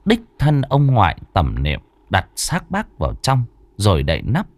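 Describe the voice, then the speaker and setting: A man's voice: lowish voice, wildly swooping pitch, a little slow, no echo. A man narrating a rural ghost story in a dramatic storytelling manner.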